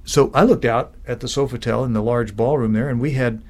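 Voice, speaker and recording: Male business coach, mid-pitched, lively anecdotal storyteller. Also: a little fast. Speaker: business speaking coach and co-founder. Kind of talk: animated conversational storytelling.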